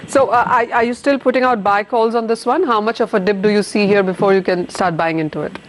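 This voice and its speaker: A woman, a business news anchor in a TV studio, brisk and pressing with her questions. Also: medium pitch, steady tone, slight background noise. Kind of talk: live news interviewing.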